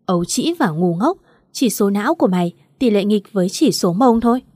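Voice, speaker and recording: A proud young wife with a cold, cutting delivery, as a woman narrator gives her voice. The tone is dark and mellow, dry and close. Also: mid-range voice, expressive, fairly quick, no room sound, close to an everyday voice.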